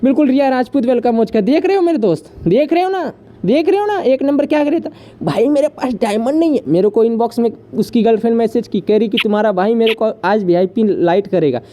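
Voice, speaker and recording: A man's voice: extremely high pitch, expressive, a little hiss or hum. A man hosting a live app room, rattling off welcomes, rhyming banter and orders to the members. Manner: fast teasing patter, rhyming banter, shouts orders. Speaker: live stream host.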